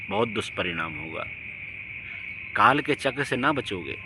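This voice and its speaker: A man giving an impassioned, preachy monologue, his voice swinging from emphatic outbursts down to low, quiet lines. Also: background noise. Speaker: religious speaker.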